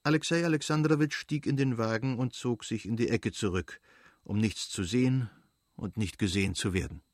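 A man giving a measured, even audiobook narration. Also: medium pitch, dry recording, clean studio sound.

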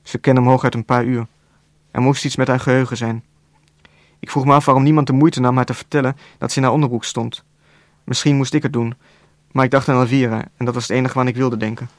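A man calmly reading a novel aloud as narrator. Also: medium pitch, quick pace, dry recording. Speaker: audiobook narrator. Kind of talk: scripted narration.

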